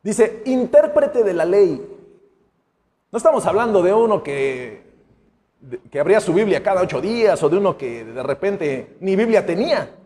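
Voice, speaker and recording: A pastor preaches a sermon in a casual, conversational way, slipping into the voices of the figures he quotes. His voice sits high and swings widely in pitch. The sound carries the long reverb of a church hall. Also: sing-song, moderate pace, darkish tone. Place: church sanctuary.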